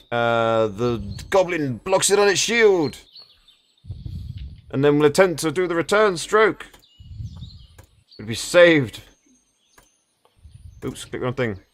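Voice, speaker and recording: A man's voice: mid-range voice, expressive, a little slow, long pauses. Man running a tabletop game. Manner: stammering restarts, chuckling asides. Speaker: game master.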